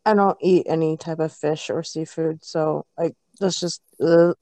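A woman's voice: deep voice, steady tone, unhurried, warm tone, dry recording. A young woman co-hosting a casual podcast, blunt and laughing a lot, swearing freely. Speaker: podcast co-host. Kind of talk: casual chat.

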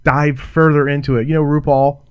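A man's voice: on the high side, little pitch movement, brisk, clear, resonant tone, no room sound, muffled recording. A man co-hosting a show in casual banter, with a blunt, teasing, informal way of talking. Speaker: podcast co-host.

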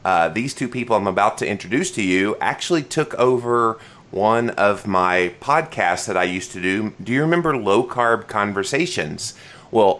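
Chatty low-voiced man hosting a podcast. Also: a bit bright. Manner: chatty, joking, self-deprecating. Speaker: podcast host. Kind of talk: casual interview chat.

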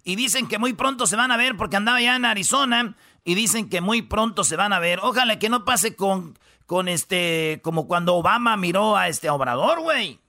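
A man's voice: high voice, animated, moderate pace, bright, forceful tone. A man hosting a comedic radio countdown, full of slang and punchlines. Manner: joking, slangy, punchline-driven. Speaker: radio show host.

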